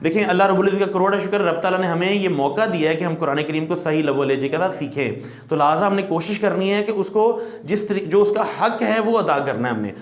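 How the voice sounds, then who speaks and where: A man with a high voice teaches a recitation class. He explains patiently and stretches letter sounds into long demonstrations. The room adds a clear echo. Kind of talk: classroom lesson.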